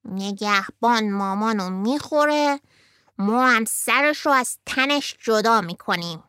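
Woman putting on a bright excited little boy, asks loads of eager questions, dry close sound. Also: fairly high pitch, clean tone, no echo.

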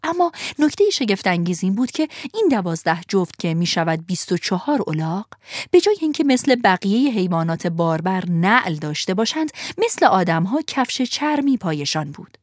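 A woman narrating a storybook in an expressive, vivid manner. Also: medium pitch, dry recording, clean studio sound.

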